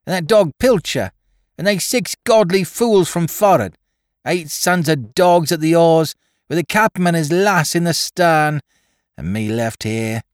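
A man voicing a drunken, vicious boy pirate with a shrill, cursing voice. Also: expressive, takes it slowly, hardly any pauses, fairly bright tone, no echo, studio quality, exaggerated voice. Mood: snarling.

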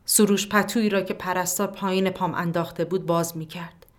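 A woman narrating a literary story in a somewhat low voice. Her reading is calm and measured, and it sinks into a hush for the quieter inward passages.

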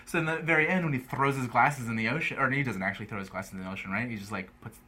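A woman co-hosting a casual show chat, animated and laughing, acting out quotes. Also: a bass voice, slightly rough. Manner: animated, laughing, quick to do voices. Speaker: podcast co-host.

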